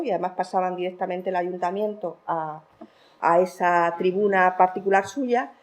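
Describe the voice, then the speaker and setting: A woman from Spain giving an academic conference talk, lively, with fillers and laughter between points. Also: lowish voice. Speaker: lecturer.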